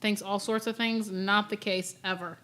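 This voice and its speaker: A woman's voice: mid-range voice, fairly even intonation, normal speed, bright, forceful tone. A young adult woman hosting a comedy podcast, chatting candidly and mocking herself. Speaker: podcast host. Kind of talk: casual chat.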